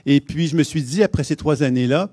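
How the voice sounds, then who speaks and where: A man's voice: fairly high pitch, quick pace, darkish tone, no echo, clean studio sound. A man with a Québécois accent giving a talk at a conference, often hesitating and restarting his sentences. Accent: Québécois French. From Quebec. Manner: hesitant, many restarts and fillers. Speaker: conference speaker. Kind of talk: public lecture. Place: conference hall.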